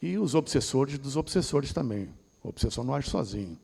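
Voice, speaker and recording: A man's voice: mid-range voice, animated, brisk, gravelly, darkish tone, breathy edge. A man with a Brazilian accent giving a discursive esoteric lecture and often ending points with a tag question. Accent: Brazilian Portuguese.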